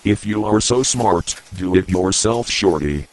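Sassy male robot sidekick with a robot voice, played by a man: low, unhurried, deadpan insults. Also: crowd noise. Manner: slow, flat robotic delivery with cheeky insults. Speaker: co-host.

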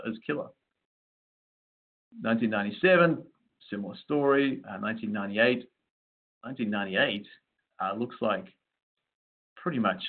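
Over tinny, phone-like audio, a man with a gravelly, husky, medium-pitched voice gives a casual webinar lecture on winemaking yeasts. He keeps it loose and conversational, full of fillers and restarts.

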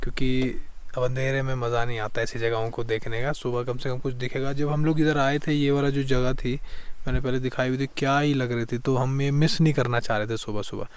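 A man in his thirties chatting excitedly as he vlogs a mountain road trip, partly from a car and partly outdoors. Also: medium pitch, brisk, clear, resonant tone. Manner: excited, chatty narration while driving. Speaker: travel vlogger. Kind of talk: casual travel vlog. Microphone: small wireless clip mic.

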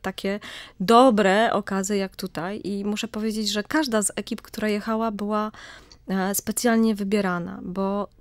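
A woman's voice: mid-range voice, steady tone, moderate pace, no echo. Middle-aged lady archaeologist chatting on radio, earnest, lots of ums, dry close mic. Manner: earnest, explains at length with many fillers. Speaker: archaeologist guest. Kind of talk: radio studio interview. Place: radio studio. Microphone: studio mic close up.

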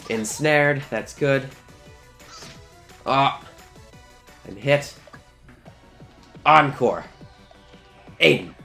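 A man's voice: mid-range voice, expressive, extremely slow, creaky, pauses often, bright, forceful tone. A man giving casual, sweary video game commentary, talking to the characters as he plays. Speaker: let's play host. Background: game music.

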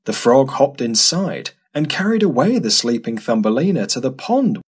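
A man narrating an animated fairy tale in an expressive, scripted storybook style. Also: medium pitch, moderate pace, husky. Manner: expressive, sing-song.

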